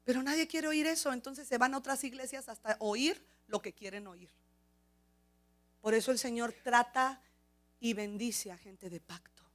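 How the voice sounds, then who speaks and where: A middle-aged woman pastor with a Mexican accent, preaching a sermon with animated, humorous storytelling that rises toward near shouts. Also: fairly high pitch, moderate pace.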